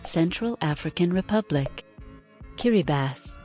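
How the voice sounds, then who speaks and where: Female game announcer, low and unhurried, mellow tone, flat name-by-name delivery. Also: husky, faint music behind. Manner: flat announcing of single names. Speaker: game voice reading place names.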